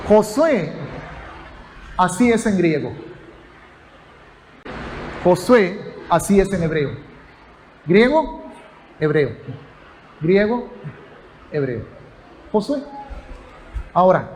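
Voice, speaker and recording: A man's voice: high-pitched, a little mellow, a little hiss or hum. A man teaching a sermon, explaining step by step and checking in with his listeners. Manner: explanatory, addresses listeners as brothers, asks "ok?". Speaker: pastor.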